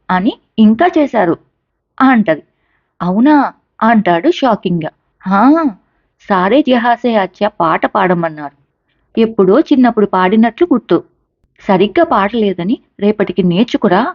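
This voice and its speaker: Woman telling a story with lively dialogue. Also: mid-range voice, no room sound. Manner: expressive, lifts her voice for quoted dialogue. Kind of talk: storybook narration, voicing all characters. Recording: dry, slightly dull home recording.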